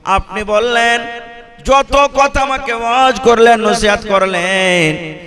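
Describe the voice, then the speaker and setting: A man's voice: high voice, slow pace, voice pushed up. A man voicing a tearful, uneducated young camel herder in a sing-song pleading tone, with music behind. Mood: pleading, remorseful.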